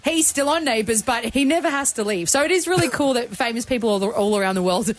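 A woman's voice: on the high side, animated, fast talker. A woman co-hosting a radio show, bubbly and enthusiastic. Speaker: radio host. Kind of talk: playful radio banter.

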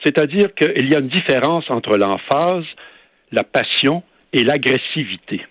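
A man's voice: mid-range voice, lively intonation, measured pace, dry recording. Québécois man lecturing down a phone line. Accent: Québécois French. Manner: emphatic, lecturing. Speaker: radio guest. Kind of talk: phone-in debate on radio. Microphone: telephone.

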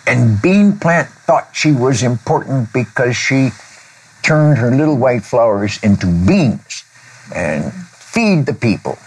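An older man, a former preacher, telling a children's story during a conversation. He talks deliberately, with pauses and throat-clearing. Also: medium pitch, sing-song, poor audio.

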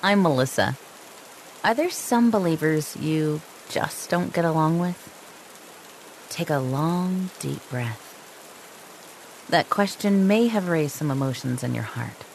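Soft, slow-spoken woman guiding meditation. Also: low-pitched, a little hiss or hum. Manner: slow, soft and calming, with long pauses. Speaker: meditation guide.

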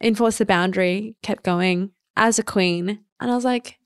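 A woman co-hosting a podcast in a relaxed, candid way. She tells stories and slips into quoting her own inner thoughts. Her voice sits at a middle pitch and sounds close and dry, with no room echo. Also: normal speed, clear, resonant tone. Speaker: podcast co-host. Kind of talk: casual podcast chat.

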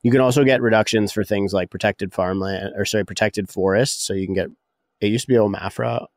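Lowish-voiced Canadian man explaining things casually. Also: steady tone, a little fast, no room sound, clean studio sound. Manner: rambling, self-interrupting explainer. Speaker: podcast co-host, real estate broker.

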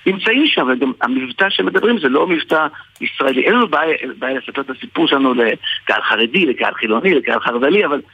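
A man with an Israeli accent tells an anecdote casually, haltingly, repeating and restarting his phrases. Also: medium pitch, expressive, breathy edge, no echo. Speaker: guest, stage performer. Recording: muffled radio or phone-like sound, dry.

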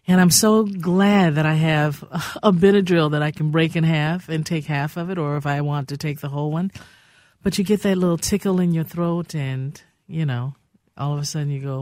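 A woman's voice: on the low side, darkish tone, dry recording, clean studio sound. An older woman hosting a radio talk show, telling a heartfelt, reminiscing story. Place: radio studio.

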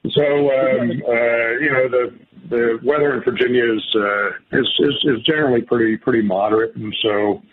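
Male talk radio host, rough husky tone, hesitant conversational phrasing, muffled broadcast audio. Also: medium pitch, steady tone. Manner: halting, repetitive phrasing. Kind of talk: casual interview chat.

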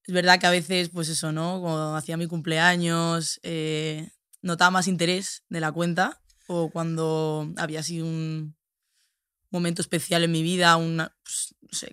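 A woman's voice: low voice, a bit bright, clear, resonant tone, no echo, clean studio sound. A young woman with a Sevillian accent, a podcast guest talking in a reflective, casual way with lots of fillers and tag questions. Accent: Sevillian Spanish. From Spain.

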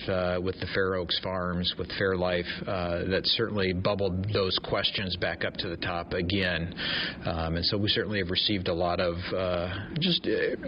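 A man's voice: low voice, fairly even intonation, moderate pace. A man hesitantly answering interview questions about his work, on a dull recording with some noise. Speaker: marketing staffer being interviewed. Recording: dull audio with faint noise.

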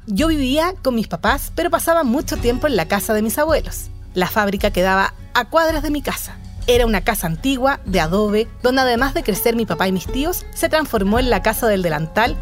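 A young Chilean woman with a Chilean accent, calmly narrating her own life story in a scripted, reflective way. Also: a little high. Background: music under the voice.

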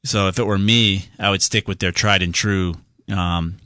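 A man's voice: sits low, steady tone, moderate pace, sharp tone, no room sound, clean studio sound. A man hosting a radio call-in show, casually explaining computer fixes step by step. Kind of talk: casual call-in tech advice.

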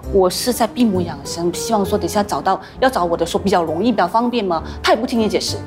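A woman actress, the guest in a podcast interview, telling stories with animated acted-out voices. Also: medium pitch, very fast, over music. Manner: animated storytelling, acts out quoted voices.

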